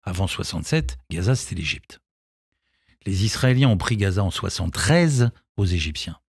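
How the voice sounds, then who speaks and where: This middle-aged man, an actor and film director from Israel who grew up in France, responds to questions in a radio studio. His low voice is animated, creaky and breathy at normal speed, captured dry and clean, and he hesitates with many restarts before becoming emphatic.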